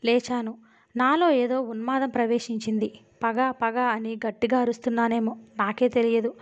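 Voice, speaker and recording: A woman reads a novel aloud in a steady, expressive storytelling voice. Her pitch sits somewhat high, and the recording is dull and lo-fi. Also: normal speed. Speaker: audiobook narrator. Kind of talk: dramatic novel reading. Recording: dull lo-fi audio.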